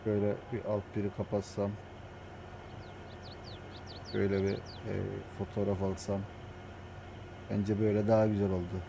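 Low-voiced samsun guy muttering thru a farm game late at night, noisy background. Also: completely flat delivery, normal speed, long pauses. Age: adult with young children. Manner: talks quietly, mutters to himself. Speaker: gaming YouTuber. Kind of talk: farming game commentary.

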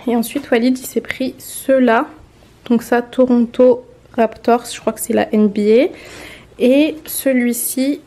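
A woman's voice: on the high side, steady tone, measured pace, dark tone. Chatty young French woman vlogging. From France. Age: 20s. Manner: chatty, addresses viewers directly. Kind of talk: casual grocery haul vlog. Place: indoor home room, off camera.

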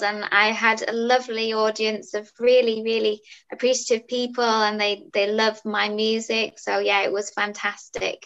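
A singer in her thirties, appearing as a guest on a video call, chats upbeat in a casual interview, dropping fillers along the way. Her voice sits on the high side with a fairly bright tone, and the call audio is dull and lo-fi.

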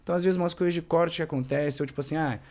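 Fast-talking young man, slangy and rambling. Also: on the high side, fairly even intonation, a little mellow. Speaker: actor guest. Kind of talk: casual podcast chat.

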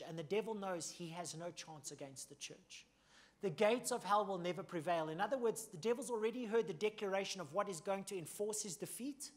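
High-voiced, emphatic man preaching. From South Africa. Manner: emphatic, punchy, checks in with "okay?" and "right?"; animated storytelling, swings between loud and hushed. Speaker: pastor. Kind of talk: sermon.

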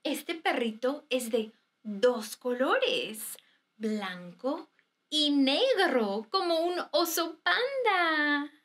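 A woman's voice: high-pitched, big pitch swings, extremely slow, fairly bright tone. A woman teaching Spanish words to babies and toddlers, with bouncy, giggly baby talk and playful animal sounds. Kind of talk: slow, sing-song teaching for babies.

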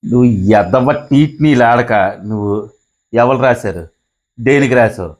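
A man's voice: mid-range voice, normal speed. A middle-aged man playing a husband in a scripted comedy sketch, scolding his wife and grumbling to himself. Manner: shouting and scolding, then muttering to himself.

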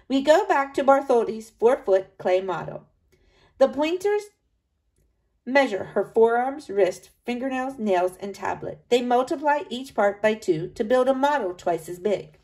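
Giving voice to a diligent, observant assistant in a sculptor's workshop, a woman delivers a steady, descriptive storybook reading. She sits on the high side and doesn't hurry.

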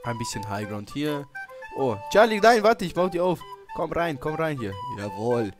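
A young man giving excited gameplay commentary, swinging from low mumbling to sudden shouts. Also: normal speed. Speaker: gaming streamer. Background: game music.

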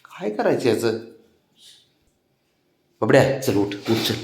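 A man coaxing his pet in gentle, pleading baby talk in a casual home video. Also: mid-range voice, very animated, takes it slowly. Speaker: pet owner.

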